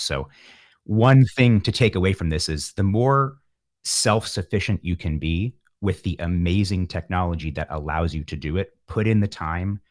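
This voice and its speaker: A low-voiced musician speaks as an interview guest, reflective, earnest and discursive, with a self-deprecating streak. The recording is dry, with very little room sound.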